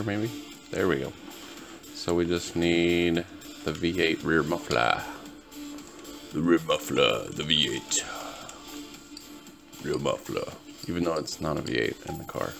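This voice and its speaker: In a low-pitched, creaky voice, a sleepy man who has only just woken up hosts a gaming video. He keeps things laid-back, rambling casually to his viewers as he comments on the play.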